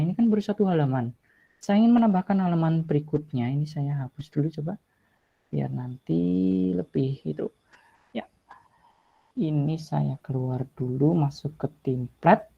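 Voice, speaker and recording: A man's voice: a little high, lo-fi sound. A man presents an online tutorial in a chatty, apologetic way, thinking aloud as he clicks through the screen. He speaks from home in the evening. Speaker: teacher-training presenter.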